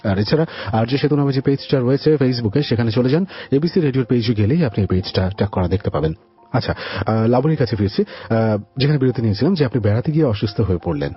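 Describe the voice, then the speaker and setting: A radio host with a Bangladeshi accent presents to listeners and questions his guest, his mid-range voice fast, lively in intonation and slightly rough. The audio is muffled like a radio broadcast, with music playing behind him.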